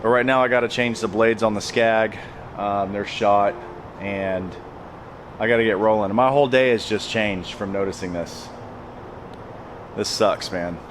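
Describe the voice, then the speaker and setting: A man's voice: on the low side, steady tone, unhurried, long pauses, a little hiss or hum. A man running a landscaping business talks casually to a handheld camera, plain-spoken and emphatic, often repeating his phrases. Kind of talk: casual vlog talk to camera.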